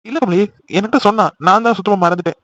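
Guy doing a caring cartoon big bro, talks fast and teasing. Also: high-pitched, a bit bright. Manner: teasing then soothing, scolds playfully. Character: caring older brother, teasing and protective. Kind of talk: animated cartoon dialogue. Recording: slightly dull lo-fi audio.

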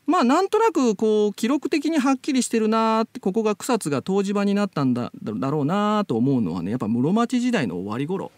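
Animated man hosting a chatty radio show. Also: sits high, brisk, few pauses, dry recording. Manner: animated explainer, chatty storytelling. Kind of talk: casual web radio chat.

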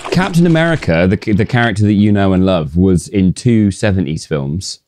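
A man co-hosting a podcast, laying out movie trivia with deadpan teasing. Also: low voice, moderate pace, a little hiss or hum. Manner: explains with deadpan teasing, laughs often. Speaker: podcast co-host. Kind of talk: casual chat.

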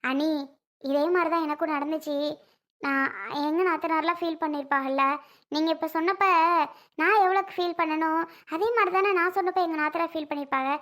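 A woman playing a young wife who talks softly and makes peace with her brother and his wife. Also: very high voice, fairly even intonation, a little fast, long pauses. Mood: conciliatory.

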